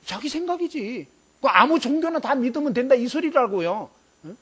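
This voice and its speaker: A man's voice: extremely high pitch, big pitch swings, moderate pace, sharp tone, husky. A man preaching a sermon at a student camp. He fires rhetorical questions at his listeners and acts out scenes vividly.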